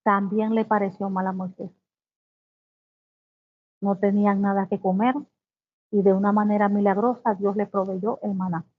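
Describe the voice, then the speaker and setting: A woman's voice: medium pitch, flat delivery. Woman teaching a devotional over tinny audio. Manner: reads scripture slowly, then explains with exclamations. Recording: tinny phone-like sound.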